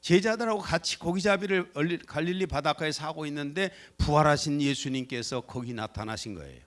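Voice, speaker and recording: A man preaching a Sunday sermon as pastor, talking animatedly and acting out quoted lines. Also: fairly quick. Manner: animated, acts out quoted lines with shifts in pitch and loudness. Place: church sanctuary.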